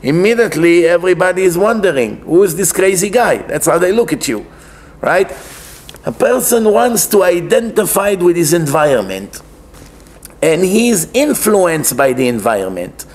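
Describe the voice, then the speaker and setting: Very animated at a moderate pace, the rabbi has a high, darkish voice and an Israeli accent. He sits at a lectern in a wood-panelled synagogue preaching conversationally, explaining with emphasis, using rhetorical questions and repeating himself.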